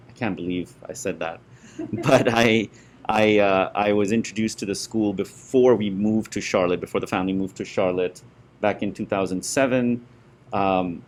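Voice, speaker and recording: A middle-aged man from India, a guest being interviewed, talking warmly with many fillers and restarts. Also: low voice, slight background noise. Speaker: guest, school parent and former board member. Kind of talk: conversational interview.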